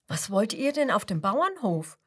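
A woman's voice: medium pitch, big pitch swings, a little slow, fairly bright tone, husky, exaggerated voice. A woman voicing a friendly, curious cow in a children's story. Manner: friendly, questioning.

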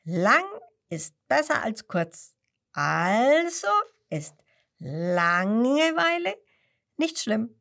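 A woman's voice: big pitch swings, extremely slow, gravelly, full character voice. A woman doing a jolly puppet clown Kasper. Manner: loud, high and bouncy, joking. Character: cheeky hand puppet clown Kasper, male, jolly joker.

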